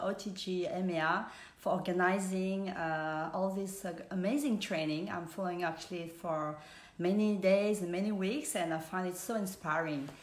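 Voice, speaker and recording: Softly low woman with roomy echo. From Switzerland. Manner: hesitant, many fillers, warm greetings. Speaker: business speaker. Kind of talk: live online presentation.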